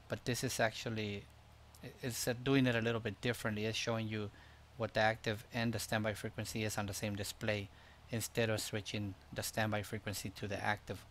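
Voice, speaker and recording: A man in the middle of his pitch range talks through a flight-sim tutorial, step by step and unhurried, with ums and restarts. His desk mic picks up a faint hum of room ambience behind him. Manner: relaxed step-by-step explaining with fillers. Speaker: tutorial host. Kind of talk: screen-recorded software tutorial.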